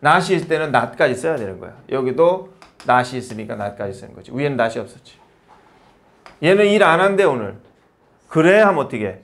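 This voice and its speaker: A man's voice: mid-range voice, very animated, moderate pace. A man teaching basic English grammar in a casual lesson, explaining patiently in short phrases and asking and answering his own questions.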